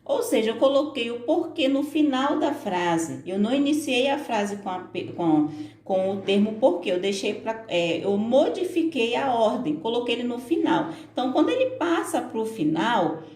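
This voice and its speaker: A Brazilian woman teaching a remote lesson to young children, her voice pitched a little high. She explains step by step in a patient way and fills her pauses. The sound is echoey, as if recorded in a bare room on a phone. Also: very animated, darkish tone. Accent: Brazilian Portuguese. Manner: patient, explanatory, frequent fillers like "né". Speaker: primary school teacher.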